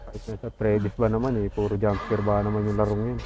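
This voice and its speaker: A man chatting casually while playing an online horror game with friends, swearing and shouting at sudden moments. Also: fairly low pitch. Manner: excitable, quick shouts during play. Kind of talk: casual gaming chat with swearing.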